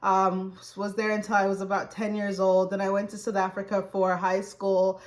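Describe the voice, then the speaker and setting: Speaking at a normal pace in a completely flat, mid-range voice, this twenty-something recruiting manager from Zambia chats informally as an interview guest. Her storytelling is peppered with "like" and "you know."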